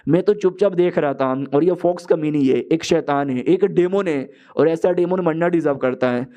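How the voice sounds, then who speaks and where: A man's voice: on the high side, normal speed, dark tone, lo-fi sound, lightly acted. A man doing a taunting young villain. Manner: taunting, mocking. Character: scheming boastful young male villain.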